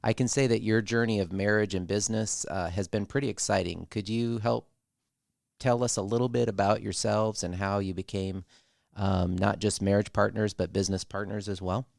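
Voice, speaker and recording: A man co-hosting a podcast in a relaxed way, with easy fillers and side remarks. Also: on the low side, normal speed, creaky, no echo, clean studio sound. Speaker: podcast co-host. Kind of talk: casual podcast chat.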